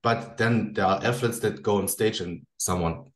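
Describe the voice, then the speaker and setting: A man's voice: lowish voice, normal speed. A man hosting a podcast interview, asking friendly questions in English with frequent hesitations and restarts. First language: German. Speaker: podcast host. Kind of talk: casual interview chat. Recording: echoey room.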